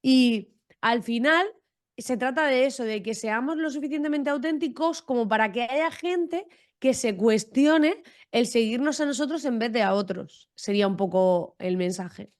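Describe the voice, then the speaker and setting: A woman's voice: on the high side, normal speed. A woman from Almería, Spain, talking frankly, directly and with humor as a guest in a podcast interview. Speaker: guest entrepreneur.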